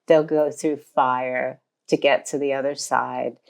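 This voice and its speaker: An older woman from the United States, hosting a casual interview, complimentary and thinking aloud with pauses. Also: extremely low pitch, flat delivery, creaky. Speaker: podcast host, fashion designer.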